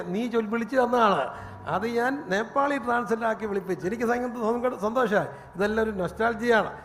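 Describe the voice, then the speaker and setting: A man preaching a sermon as pastor, telling stories with animated delivery and rising to a shout. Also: high-pitched. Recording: long reverb, faint room noise.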